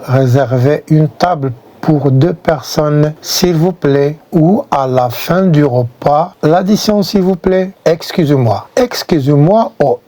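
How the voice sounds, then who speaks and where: A man teaching everyday French phrases in a scripted lesson, speaking clearly and deliberately. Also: fairly high pitch, mellow. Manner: clear, deliberate delivery with spoken example phrases. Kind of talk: slow scripted lesson narration.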